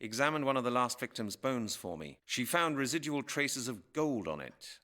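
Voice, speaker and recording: A polite inquiring detective. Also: male voice, mid-range voice, very animated, moderate pace, pushed and bright. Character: male detective investigating murders. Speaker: game character. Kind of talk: video game voice acting.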